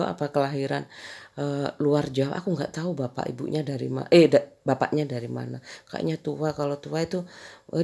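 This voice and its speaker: A woman's voice: low-pitched, creaky, a little mellow, husky. A woman vlogger, chatting casually and rambling through a story, laughing often and repeating fillers.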